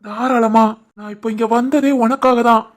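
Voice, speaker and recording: A woman voicing a gentle, dutiful grown son who speaks softly and reassuringly, with a Kanyakumari Tamil accent, in a cartoon family drama. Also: a little high, fairly even intonation, moderate pace, natural voice. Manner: soft, reassuring.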